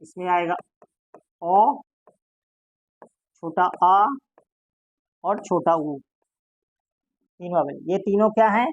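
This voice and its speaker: A woman's voice: lowish voice, slow, pauses often, no room sound, highs cut off. Woman teaching, asking and answering herself. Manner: asks questions and answers them herself. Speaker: shorthand teacher. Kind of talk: classroom lesson explaining.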